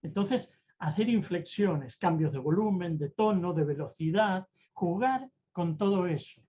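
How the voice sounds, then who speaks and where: A presentation-skills mentor gives an online talk on public speaking. The delivery is theatrical, with deliberate shifts in tone and pace. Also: mid-range voice, lively intonation, dark tone, highs cut off, slight background noise.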